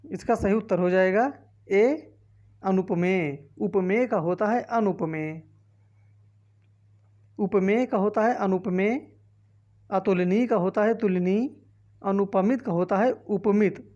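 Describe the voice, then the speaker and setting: A medium-pitched, mellow female voice speaks slowly with long pauses, in dull audio. This exam-prep teacher has a Hindi-speaking north Indian accent and reads quiz options aloud in turn, explaining each answer.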